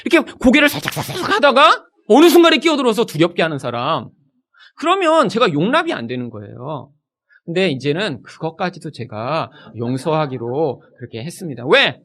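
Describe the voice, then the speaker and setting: A middle-aged male pastor preaching in church with a high, lively voice. His pitch swings widely as he acts out the people in his stories. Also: moderate pace. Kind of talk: sermon.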